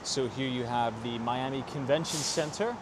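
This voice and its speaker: A man's voice: medium pitch, normal speed. A man hosting a walking tour vlog, chatting casually to his viewers as he goes. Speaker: tour vlogger. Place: outdoors in a city and on a train platform. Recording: city and train noise behind.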